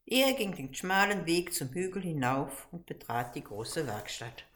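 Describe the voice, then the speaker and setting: Low-voiced woman reading a storybook. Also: lively intonation, unhurried, a bit bright, a little hiss or hum.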